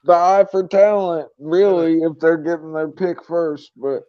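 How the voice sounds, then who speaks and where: A man with a somewhat high voice chats casually about wrestling as a podcast co-host. He is blunt and slangy. The recording sounds dull and lo-fi. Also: fairly even intonation, measured pace, dark tone, no echo. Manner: slangy, blunt, says "bruh" often.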